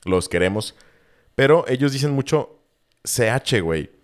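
A young Mexican man with a Jalisco accent, talking in a loose, slangy way full of swearing. He wanders through long explanations in an easy podcast chat, his pitch sitting in an ordinary middle range. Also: expressive, measured pace. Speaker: podcast co-host. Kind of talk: casual chat.

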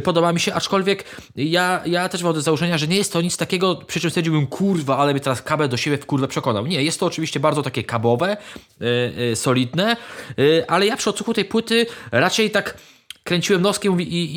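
A man's voice: fairly high pitch, lively intonation, fairly quick, fairly bright tone. A man in casual chat, rambling with many fillers and restarts, swearing freely and giving blunt opinions.

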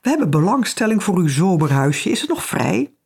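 A woman's voice: fairly low pitch, big pitch swings, fairly quick, creaky, darkish tone, husky, full character voice. A woman reading an audiobook, voicing a bossy, scheming middle-aged woman who is full of plans and sweeps everyone along in an emphatic, commanding way. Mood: posh. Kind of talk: audiobook character voice.

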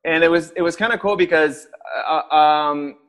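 A man's voice: on the high side, moderate pace, a bit bright. Man rambling in casual chat. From Mexico. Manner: rambling, swears casually, many restarts. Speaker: guest musician.

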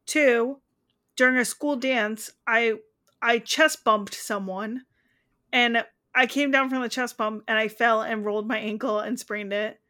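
A young woman co-hosts a podcast with a bright, somewhat high voice. She talks in a quick, self-mocking way and laughs often. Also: fairly even intonation. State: on crutches. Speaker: podcast co-host. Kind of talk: casual chat.

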